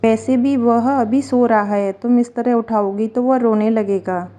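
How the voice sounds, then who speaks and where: A gentle elderly mother-in-law, as a woman narrator puts her on, soft and reassuring. Her voice sits a little high but sounds mellow and warm, in a storytelling reading. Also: fairly even intonation, measured pace, natural voice. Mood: soothing.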